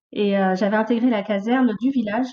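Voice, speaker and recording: A woman in her late thirties, a podcast guest, telling her life story in a lively, casual way with many fillers. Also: medium pitch, lo-fi sound. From France, of Portuguese origin. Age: late 30s. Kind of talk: casual conversational interview.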